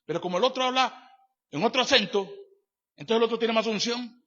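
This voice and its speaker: Very high-pitched and fairly quick, a male pastor delivers an emphatic, repetitive sermon that swings from loud proclamations to soft asides. He poses rhetorical questions straight to the congregation; the church recording is dull and lo-fi.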